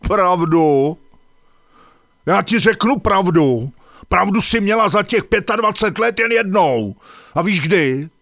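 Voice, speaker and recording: A man's voice: high voice, animated, creaky, a bit bright, dry recording, studio quality, heavily acted. A man voicing a grumpy, quarrelsome male dung beetle in a cartoon who grumbles sarcastically. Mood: sarcastic.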